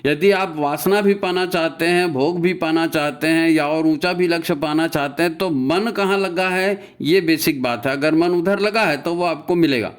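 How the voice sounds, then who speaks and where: A spiritual speaker lectures on meditation, repeating himself, posing rhetorical questions tagged with "है ना?", and reciting scripture and mantra lines. His voice is on the high side, clear and resonant, at a moderate pace with few pauses.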